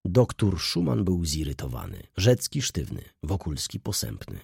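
A man narrating a classic novel in an expressive, theatrical reading. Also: deep voice, unhurried, vocal fry, husky, no room sound, studio quality. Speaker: audiobook narrator.

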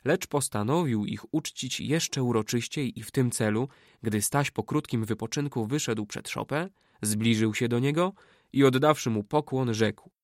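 A man narrating a classic adventure novel as an audiobook, in a steady, measured way. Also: medium pitch, no echo, clean studio sound. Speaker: audiobook reader. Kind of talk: scripted narration.

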